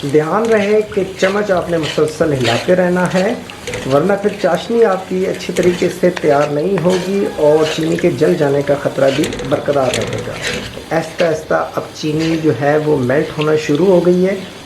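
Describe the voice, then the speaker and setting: This man hosts a cooking show, walking through each step steadily and repeating his tips as he demonstrates. His voice sits on the high side at a normal pace, and the recording is echoey with faint noise.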